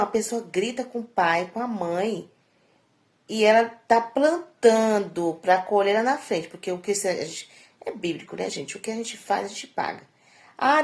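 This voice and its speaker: A middle-aged woman speaks straight to her viewers in a casual vlog, with a gravelly, creaky edge to her voice. She talks in a chatty, preachy way and keeps tagging her sentences with little questioning asides. Her tone grows emphatic and scolding as she lectures. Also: fairly low pitch. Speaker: vlogger. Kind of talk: casual vlog monologue giving life advice.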